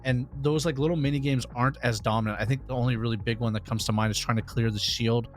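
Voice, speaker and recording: Mid-pitched man, esports analyst. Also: fairly even intonation, fast, faint music behind. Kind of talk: conversational tactical analysis.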